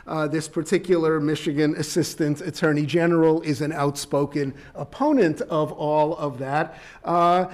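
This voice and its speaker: Measured, deliberate male law lecturer. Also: a little high, darkish tone. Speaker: law professor. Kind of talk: academic lecture. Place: lecture hall.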